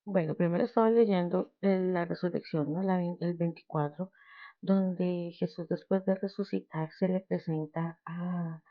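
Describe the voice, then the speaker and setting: A middle-aged woman hosts a podcast. She tells her faith testimony and retells Bible stories in a lively way, acting out the quoted voices. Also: fairly low pitch, a little slow, dry recording, muffled recording. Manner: lively storyteller who acts out the quoted voices. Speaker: podcast host.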